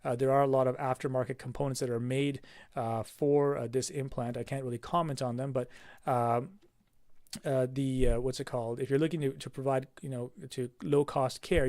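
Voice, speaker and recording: A man walks through presentation slides as a dentist, speaking casually with frequent fillers and restarts. His pitch stays level and flat throughout, in an average register. The recording is dry and close. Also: no echo. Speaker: dentist reviewing an implant system.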